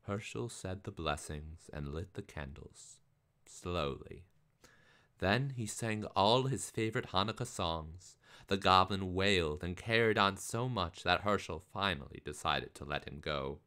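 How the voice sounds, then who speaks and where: Deep-voiced man reading a storybook aloud. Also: a little slow. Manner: expressive, theatrical. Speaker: reader. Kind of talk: live read-aloud of a picture book.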